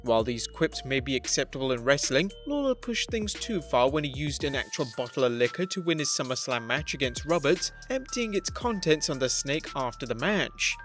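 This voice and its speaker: Male countdown narrator, mid-pitched, even and dry, reading over soft background music. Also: moderate pace, hardly any pauses. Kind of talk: scripted narration. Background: faint background music.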